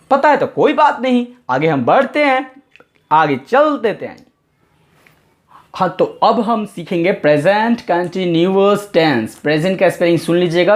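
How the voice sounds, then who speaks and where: A man teaching English grammar as a classroom lesson, patiently spelling words out letter by letter and repeating phrases. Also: high-pitched. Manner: patient, explains slowly and step by step.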